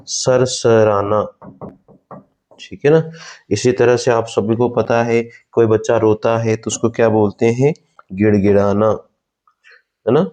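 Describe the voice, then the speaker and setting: A man teaching a Hindi grammar class online, slowly dictating notes, repeating key words and answering his own questions. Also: mid-range voice, a little mellow. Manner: asks the class questions and answers them himself.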